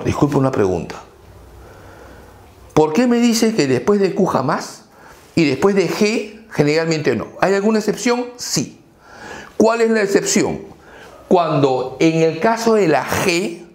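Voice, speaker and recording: A male teacher lecturing slowly, stretching out example words and letting his voice rise and fall widely. He asks questions and answers them himself. The sound is roomy and echoey. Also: fairly high pitch. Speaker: language teacher. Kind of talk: exam-prep lecture. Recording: echoey room.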